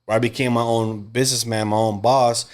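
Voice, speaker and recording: A man's voice: medium pitch, level tone, a little fast. A man in his thirties, a tattoo artist talking as a podcast guest in a laid-back, slangy way. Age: 30s. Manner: laid-back slangy talk, says bro often. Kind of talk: casual chat.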